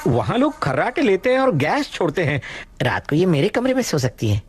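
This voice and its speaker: A man's voice: high-pitched, huge pitch swings, a little fast. A man dubbing a lecherous, cowardly comic male sidekick with a cheeky, boastful delivery, in Hindi film dub acting. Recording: film music behind voice.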